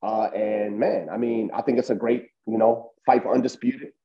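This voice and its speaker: A man's voice: mid-range voice, moderate pace, vocal fry, lo-fi sound. A man co-hosting a boxing chat show, talking casually and emphatically with lots of fillers. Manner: animated, emphatic, heavy use of fillers. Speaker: boxing podcast co-host.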